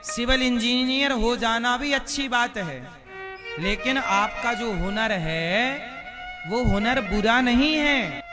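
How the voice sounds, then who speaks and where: A man's voice: extremely high pitch, slow. A male spiritual preacher giving a devotional discourse to a crowd, firing rhetorical questions at the audience and hammering points home with emphatic repetition. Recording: violin music playing behind.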